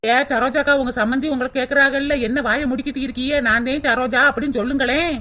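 A woman's voice: sits high, steady tone, bright, forceful tone. A woman voicing a nosy, meddling village aunt in a cartoon, with a teasing manner. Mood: goading. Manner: quick, teasing and goading.

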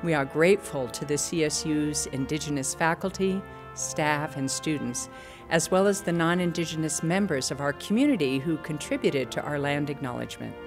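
Low-voiced woman giving a formal address. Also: lively intonation, music in the background. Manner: measured, formal delivery. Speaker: university provost. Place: stage with curtains, indoors.

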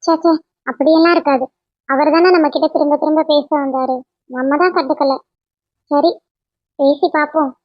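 A woman voicing a young cartoon wife who talks softly and apologetically to her husband. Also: high voice, steady tone, moderate pace, pauses often, no echo, dull audio, natural voice. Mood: hesitant. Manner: soft, apologetic.

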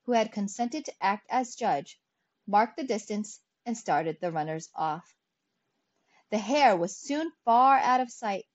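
A woman narrating classic fables in an expressive, lively storytelling reading. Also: medium pitch. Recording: dull lo-fi recording.

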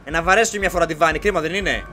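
A man hosting a let's play, giving excitable, jokey commentary as he plays and shouting at game characters. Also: fairly high pitch, faint music behind. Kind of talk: live gameplay commentary.

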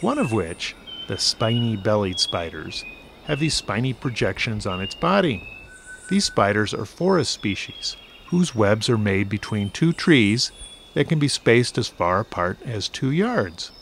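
A man's voice: lowish voice, big pitch swings, measured pace, fairly bright tone, a little hiss or hum. A man narrating a scripted nature documentary with an informal, wryly playful manner.

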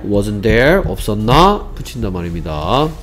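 Male English teacher, patient explainer, drills example sentences slowly and checks understanding often. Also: on the low side, big pitch swings, soft background music. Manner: asks rhetorical check questions, repeats example sentences slowly. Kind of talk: grammar lesson.

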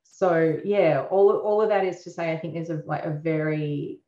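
A woman's voice: low-pitched, normal speed, warm tone, echoey room, muffled recording. A woman artist talking through her work in a thoughtful, hesitant way, with many fillers. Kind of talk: casual conversation.

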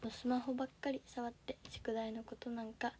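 A teenage girl with a Kansai accent chats politely on a phone-camera livestream, her voice fairly high yet mellow and dark in tone. She talks softly and often drifts into a half-whisper. A faint hiss of noise sits under her voice. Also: little pitch movement, a little fast. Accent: Kansai Japanese. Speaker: audition livestreamer. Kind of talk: casual livestream chat reading viewer comments.

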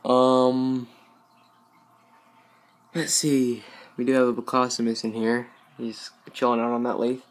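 A man's voice: medium pitch, level tone, normal speed. A young man chatting casually to his viewers about his aquarium, rambling with lots of fillers, his voice a little loose. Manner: rambling, many fillers and asides. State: voice a bit loose. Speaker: aquarium vlogger. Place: home, by a fish tank.

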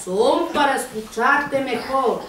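A woman's voice: high voice, slow, crowd noise. A woman from Andalusia putting on a sly, menacing big bad wolf in a school play. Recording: echoey hall from far off, noisy.

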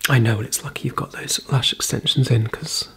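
A woman in her thirties performing a fast whispered role-play as a brisk, chatty makeup artist, murmuring softly close to the microphone. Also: extremely low pitch, fairly even intonation. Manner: fast, breathy ASMR whispering and soft murmuring. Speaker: ASMR performer.

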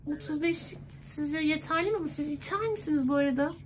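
Man doing a high-pitched coy woman's voice. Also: brisk, a little hiss or hum. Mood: flirty, sweet. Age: 20s. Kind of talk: prank phone call. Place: clothing shop, indoors.

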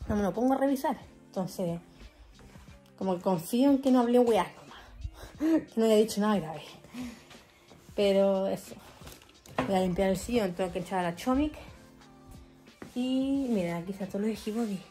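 A woman's voice: mid-range voice, normal speed, pauses often, mellow, faint music behind. A young woman with a Chilean accent, chatting casually in a vlog and telling rambling, slang-filled stories while cleaning at home. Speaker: vlogger.

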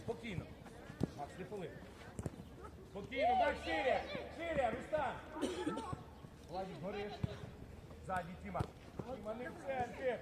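A man's voice: lively intonation, moderate pace, long pauses. A man coaching a youth football team, calling short commands to his players from the sideline. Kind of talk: coaching shouts from the touchline. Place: outdoor football pitch. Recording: noisy crowd at an outdoor pitch. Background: crowd of parents and players.

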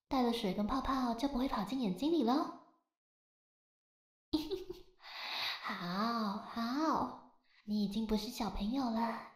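Young woman, soft coaxing big-sister asmr talk, bit high voice, roomy echo. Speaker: ASMR roleplayer. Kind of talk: ASMR roleplay. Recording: echoey, roomy sound.

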